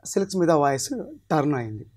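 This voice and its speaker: A man's voice: fairly high pitch, lively intonation, fast talker. A man, a mimicry artist answering interview questions humbly and calling the host sir. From Telangana, India. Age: 40s.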